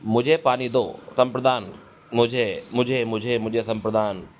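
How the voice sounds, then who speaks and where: Speaking unhurriedly in a mid-range voice with fairly even intonation, a male instructor runs a grammar class for test preparation. He asks questions, answers them on his own and keeps restating key terms, all captured on a muffled lo-fi recording with slight noise.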